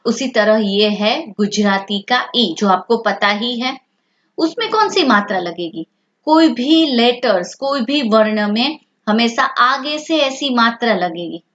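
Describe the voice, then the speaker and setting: A woman teacher with a fairly high voice who talks slowly and patiently. She asks her pupils a question and then answers it herself. The sound is dull and lo-fi. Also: fairly bright tone. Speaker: language teacher. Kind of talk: explaining a language lesson to children.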